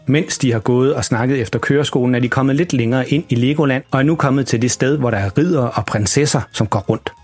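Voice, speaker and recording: Husky man reading a children's story. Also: medium pitch, few pauses. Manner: lively, expressive reading. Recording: music bed behind.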